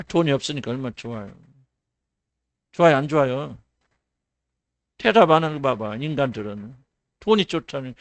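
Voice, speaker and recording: A middle-aged man preaches, a little higher than most men, and his pitch swings widely. He fires off rhetorical questions and slips into quoted voices. The sound is dry and close. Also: no room sound. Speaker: senior pastor. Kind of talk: sermon.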